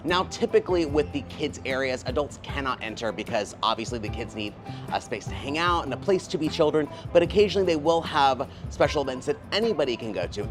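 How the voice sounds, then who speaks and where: A man hosting a travel vlog with upbeat narration. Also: mid-range voice. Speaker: travel vlogger. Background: clear background music.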